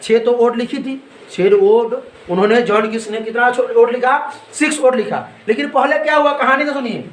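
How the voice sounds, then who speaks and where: In an echoey classroom, a male teacher with a very high voice lectures on a poem at normal speed. He poses questions, answers them himself and repeats every point.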